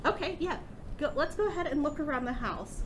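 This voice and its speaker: Animated woman game master, noisy recording. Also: sits high, brisk. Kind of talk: casual tabletop game narration.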